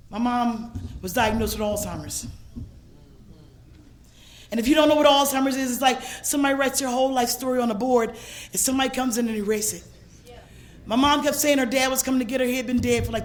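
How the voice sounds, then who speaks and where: A woman from gives a personal recovery testimony at a convention. She moves between hushed storytelling and raw, shouted passages. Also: high-pitched. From Philadelphia, USA. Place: convention hall stage.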